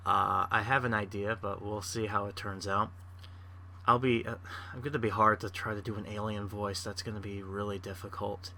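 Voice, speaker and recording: A man with a lowish, bright and forceful voice rambles casually as a gameplay channel host, pausing and restarting his thoughts often. A faint hiss of noise sits under the recording. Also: steady tone, creaky. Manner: rambling, lots of uh fillers and restarts.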